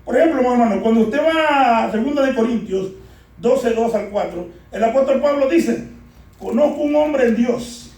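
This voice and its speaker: A man's voice: extremely high pitch, normal speed, a little mellow. A man preaching a sermon to a congregation, repeatedly calling out "beloved brothers" and asking them to answer back. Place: church. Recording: echoey church hall, distant from mic.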